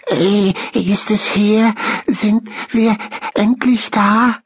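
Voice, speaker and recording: A man voicing an excitable young male hamster in a children's audiobook, stammering in his excitement. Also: high-pitched, drawn-out words, breathy edge, voice pushed up, heavily acted. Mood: excited.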